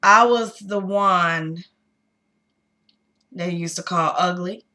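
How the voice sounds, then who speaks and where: A woman in her thirties talks to her viewers in a personal, confessional vlog. She speaks slowly in a low, bright, pointed voice, pausing often and filling gaps with little hesitations. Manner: halting, with many pauses and fillers; candid, addressing viewers directly. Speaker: vlogger.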